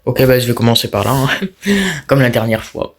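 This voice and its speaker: A man's voice: medium pitch, lively intonation, normal speed, background noise. A young man giving casual let's-play commentary on a horror game, talking to himself and his viewers in a jumpy, restless way. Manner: jumpy, talks to himself and viewers while playing. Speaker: gaming YouTuber.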